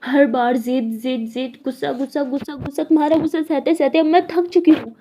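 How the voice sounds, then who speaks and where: A woman's voice: high voice, steady tone, fairly quick, mellow, slight background noise. A woman voicing a protective, stubborn teenage schoolgirl who scolds insistently. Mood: angry. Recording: dull lo-fi recording.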